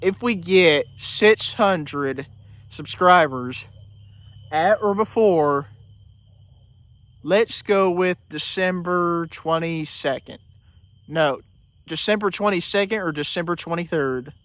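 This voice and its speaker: A man's voice: high-pitched, takes it slowly, pauses often, a bit bright, no echo. A man vlogging outdoors in a casual, rambling way, full of fillers and restarts, a little out of breath. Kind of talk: casual vlog talk.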